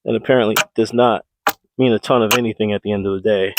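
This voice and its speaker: Outdoors at his homestead, a male vlogger talks while doing building work, his speech full of fillers as he thinks aloud and puffs from the labor. The voice sits on the low side with a steady tone and quick pace, caught by a close clip-on mic. The recording is very noisy.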